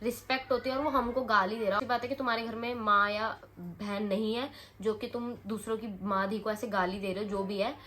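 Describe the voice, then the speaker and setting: A young woman vlogging, telling a story in a chatty, animated way with many fillers and restarts. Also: mid-range voice, brisk, hardly any pauses, slight background noise. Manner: animated retelling, voices rising when quoting others. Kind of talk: casual storytelling vlog.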